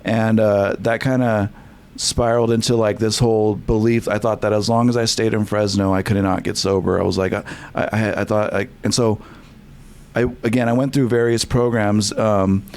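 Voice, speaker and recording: A man's voice: lowish voice, fairly even intonation, normal speed, a little mellow. A young man, a podcast guest from California, telling his story candidly with many restarts and fillers.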